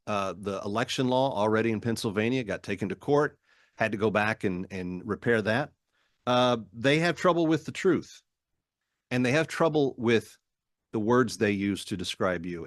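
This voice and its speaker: A man's voice: lowish voice, normal speed, no room sound, studio quality. A middle-aged American man hosting a talk show, speaking in emphatic monologue and repeating phrases in short punchy statements. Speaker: radio talk show host. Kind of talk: political monologue and promotional appeals.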